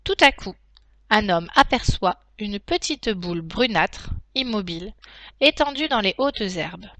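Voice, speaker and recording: A woman teacher dictating a text to pupils, phrase by phrase, in a deliberate, carefully articulated way with pauses. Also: medium pitch, lively intonation, a bit bright, no echo. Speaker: primary school teacher.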